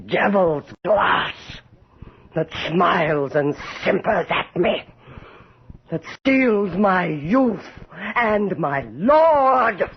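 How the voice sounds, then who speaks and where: A dull, lo-fi radio horror recording of a vain, aging countess. She is imperious and desperate, declaiming very slowly in a creaky, theatrical voice. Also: on the low side, heavily acted. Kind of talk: 1980s radio horror drama acting.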